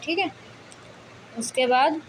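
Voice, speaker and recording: A young woman teaches English spelling in an unhurried, patient way, repeating each point and putting questions to her listener. Her voice sits a little on the high side. A faint hiss of background noise runs under the recording. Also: poor audio. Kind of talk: spoken Hindi lesson on English spelling.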